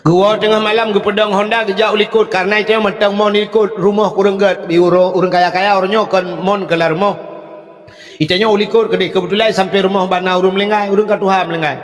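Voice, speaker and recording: A man with an Acehnese accent preaching a humorous sermon, telling stories in a lively way with sudden shouts. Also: sits high, fast. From Aceh, Indonesia. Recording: long hall reverb.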